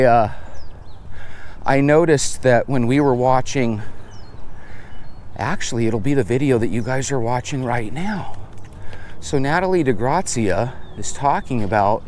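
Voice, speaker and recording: A man's voice: mid-range voice, darkish tone. A middle-aged man chatting casually and rambling along unhurriedly to his viewers while walking outdoors on a lapel mic. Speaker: host of a diet vlog. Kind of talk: casual chat to camera. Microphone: clip-on lapel mic with furry windscreen. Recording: outdoor street ambience, passing vehicle noise.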